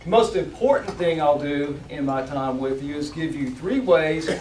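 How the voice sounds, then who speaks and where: A man with a fairly high voice delivers a prepared motivational speech. He phrases things deliberately and emphatically, pausing for effect. The sound is echoey and picked up from some distance, with faint noise behind it. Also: darkish tone. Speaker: competition public speaker. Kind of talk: rehearsed motivational speech to an audience. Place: indoor room, speaking to a live audience. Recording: roomy, distant mic, faint background noise.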